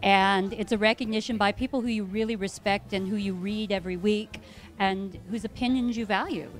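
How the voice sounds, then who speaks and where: A woman's voice: medium pitch, steady tone, fairly quick. Enthusiastic woman interviewed over faint music. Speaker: associate producer and singer. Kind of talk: casual interview chat.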